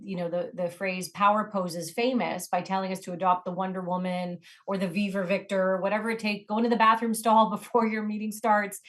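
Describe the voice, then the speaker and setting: A woman who trains people in negotiation, answering interview questions with direct, emphatic coaching advice. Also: mid-range voice.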